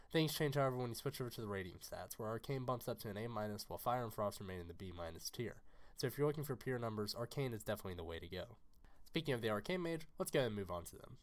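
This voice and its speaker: Hoarse raspy male narrator for a game guide, lowish voice, quick brisk read. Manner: brisk, informative delivery. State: hoarse from illness.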